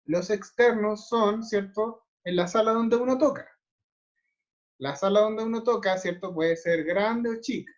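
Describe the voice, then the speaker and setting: In an online music theory lecture, a high-voiced man works through the material step by step at a measured pace, regularly using tag questions to make sure students understand. The highs in the recording are cut off.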